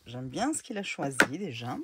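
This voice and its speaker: A woman's voice: a bass voice, sing-song, moderate pace, very noisy. A woman casually reviewing tarot and oracle decks, chatty and hesitant with many fillers. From France.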